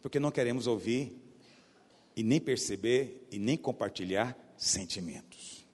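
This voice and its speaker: A preacher from Goiás, Brazil, with a Goiás accent, giving a sermon and swinging from loud emphatic bursts to low hushed asides. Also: male voice, unhurried, breathy edge. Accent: Goiás Brazilian Portuguese. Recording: long hall reverb.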